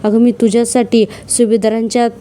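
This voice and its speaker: A woman's voice: on the high side, level tone, a little fast, warm tone, natural voice. A woman voicing a betrayed young man who pleads and accuses in heartbreak. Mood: pleading.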